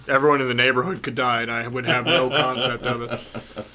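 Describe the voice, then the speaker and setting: A man's voice: mid-range voice, steady tone, normal speed, over a noisy crowd. A man running a tabletop game, narrating casually as game master. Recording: faint background noise.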